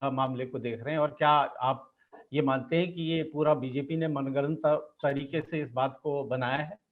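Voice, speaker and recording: A man moderating a TV news debate, asking pointed questions with many halting filler sounds. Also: mid-range voice, fairly even intonation, phone-quality sound. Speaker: TV debate anchor.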